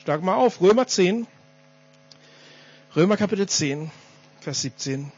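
Male pastor preaching at a church service, high breathy voice, muffled lo-fi sound. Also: animated, unhurried, darkish tone. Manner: emphatic preaching with repeated phrases, addresses the congregation. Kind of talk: sermon.

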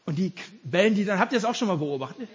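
Male pastor, emphatic sermon, high lively voice, husky, dull muffled recording. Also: rapid-fire. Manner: animated, emphatic preaching that addresses the congregation directly.

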